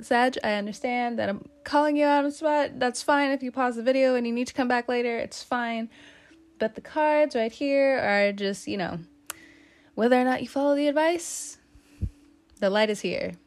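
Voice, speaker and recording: A woman giving a casual tarot reading, chatty and teasing, with lots of fillers. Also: a little high. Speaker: tarot reader.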